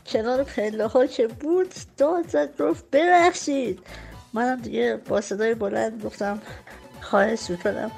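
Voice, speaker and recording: A woman telling a gentle, wry personal anecdote after festive greetings. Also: on the high side, vocal fry. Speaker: storyteller sharing a memory.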